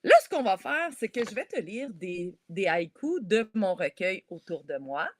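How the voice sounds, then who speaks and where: A woman with a Québécois French accent, a children's author, leading a poetry workshop for schoolchildren over a video call, explaining step by step in a lively, encouraging way. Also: mid-range voice, moderate pace, a little hiss or hum. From Quebec. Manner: lively, encouraging, explains step by step while talking straight to kids.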